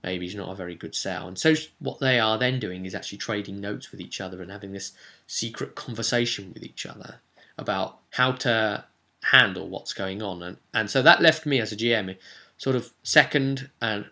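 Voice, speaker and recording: As game master, a man gives a casual recap of a tabletop role-playing session, with animated asides and rhetorical questions. His voice is on the low side, at a normal speed.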